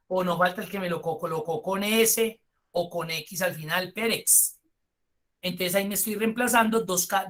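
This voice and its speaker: Colombian male instructor, bright voice, live-class explainer who drifts into chatty asides. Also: high-pitched. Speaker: spreadsheet course instructor.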